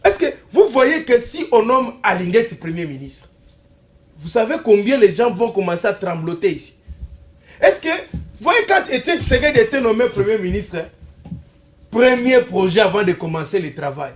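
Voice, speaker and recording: A man arguing political points in an animated way in a talk-show debate. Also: sits high, moderate pace. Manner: animated, argumentative. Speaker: political commentator.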